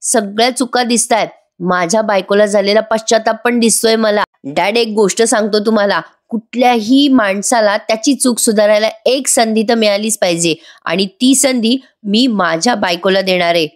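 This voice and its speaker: A woman's voice: mid-range voice, normal speed, hardly any pauses, natural voice. A woman reading as a defiant, rude grown son. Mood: stubborn. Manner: sarcastic, retorting.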